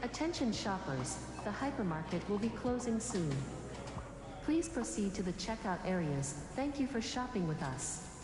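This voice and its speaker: A woman voicing a calm store announcer, making a polite, formal loudspeaker announcement in a game. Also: medium pitch, normal speed, pauses often. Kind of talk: in-game public address announcement.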